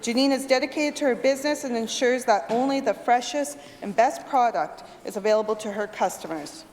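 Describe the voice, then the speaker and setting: A Canadian woman reads a prepared tribute as a member of a legislature. Her voice sits a little high, in a reverberant chamber with faint noise behind it. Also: brisk, a little mellow. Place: large indoor legislative chamber.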